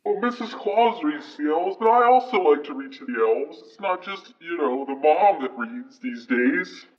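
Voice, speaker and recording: A man playing a kindly old Santa Claus, answering interview questions in a gentle, reassuring, fatherly way. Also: a little high, lively intonation, moderate pace, close to an everyday voice. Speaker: interview guest. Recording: dull archived clip, distant mic.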